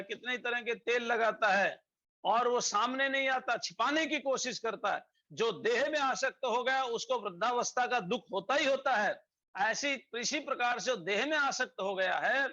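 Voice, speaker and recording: A man's voice: extremely high pitch, sharp tone. A man with a Rajasthani Hindi accent giving a spiritual discourse, explaining scripture, quoting Sanskrit verses and asking rhetorical questions. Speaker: spiritual teacher. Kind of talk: sermon. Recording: dull lo-fi recording.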